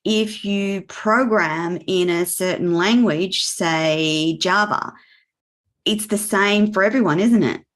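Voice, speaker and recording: Aussie woman interviewer, mid pitched voice, chatty conversational questions. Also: slow, fairly bright tone. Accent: Australian. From Australia.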